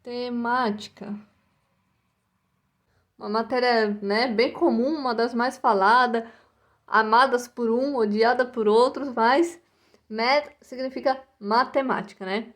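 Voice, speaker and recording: A woman's voice: a little high, fairly even intonation, fairly bright tone. A woman teaching children English vocabulary in a recorded lesson, repeating each word and checking in with short tag questions. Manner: slow, repetitive pronunciation drills with frequent "tá?" and "né?".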